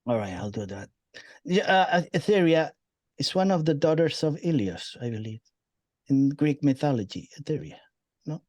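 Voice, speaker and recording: A man's voice: fairly high pitch, lively intonation, moderate pace, darkish tone. A man hosting a casual interview with a band, who rambles and repeats himself as he wishes his guests well. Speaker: interviewer and show host. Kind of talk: casual chat.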